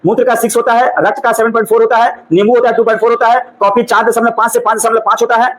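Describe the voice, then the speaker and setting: A man teaching, his voice sitting unusually high for a man. He runs a call-and-response drill in a classroom, brisk and prompting, pushing his students to speak up. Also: flat delivery, rough recording.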